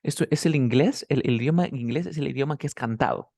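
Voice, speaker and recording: A man teaches pronunciation one on one at a middle pitch, firing quick quiz questions at his student. He models each example sentence slowly, again and again, to show the stress. The sound is close and dry, with no room echo. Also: creaky, darkish tone. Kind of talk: one-on-one language lesson.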